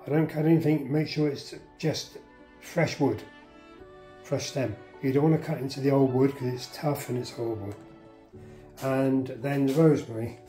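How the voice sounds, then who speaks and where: A man's voice: medium pitch, fairly even intonation, normal speed, mellow, echoey room, faint music behind. A man giving plain, practical, chatty instructions on drying garden herbs at home. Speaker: gardener showing how to dry herbs. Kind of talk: casual how-to demonstration. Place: home kitchen, indoors.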